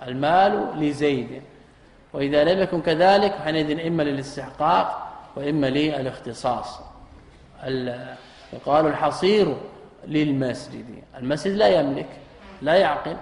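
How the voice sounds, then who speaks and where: A man's voice: fairly high pitch, a little mellow. A man, a sheikh, teaching Arabic grammar in a recorded lesson, asking rhetorical questions and repeating key terms. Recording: echoey hall reverb.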